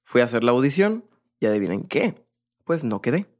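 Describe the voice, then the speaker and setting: A man's voice: medium pitch, big pitch swings, fairly quick, a little mellow. A young man, a percussionist guest, telling his story in a casual, rambling way with many fillers and restarts.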